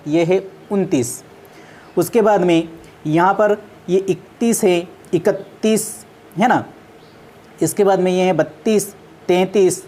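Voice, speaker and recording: A woman's voice: lowish voice, warm tone. A woman teaching a maths class on video, patiently going through number names one at a time and correcting common mistakes.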